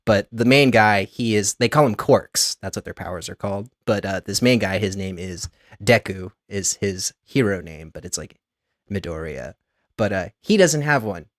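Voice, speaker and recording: A man with a low voice chats casually on a podcast, rambling through long explanations full of fillers and restarts. His voice sounds dry and close to the mic, with no room around it. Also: moderate pace, dry recording. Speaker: podcast co-host. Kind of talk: casual chat.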